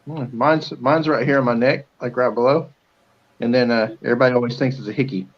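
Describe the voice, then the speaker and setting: A man's voice: mid-range voice, fairly even intonation, fairly quick, highs cut off. A man joining a casual chat, offhand and joking.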